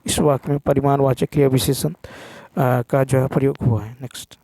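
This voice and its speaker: A man's voice: mid-range voice, little pitch movement, moderate pace, gravelly, dark tone, dry recording. A man teaching as he walks through exam questions one by one, repeating key points and checking in with "ठीक है". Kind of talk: exam answer walkthrough.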